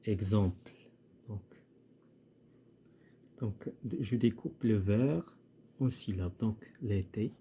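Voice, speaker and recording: A man's voice: fairly low pitch, extremely slow, pauses often, mellow, slight background noise. A man teaching a primary school French lesson, hesitant, with many fillers and repeated words. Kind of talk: recorded lesson walkthrough.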